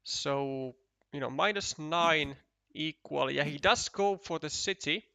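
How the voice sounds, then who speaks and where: A man's voice: on the high side, slow pace, vocal fry, bright, forceful tone, smooth, dry recording. A man commentating a competitive board game match, thinking aloud, counting tiles and often restarting his sentences. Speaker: esports commentator.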